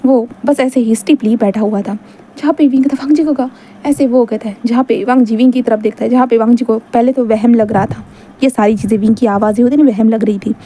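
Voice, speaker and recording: A woman's voice: fairly high pitch, warm tone, slight background noise. A woman narrating a fan fiction story in a chatty, casual way, full of fillers and English words.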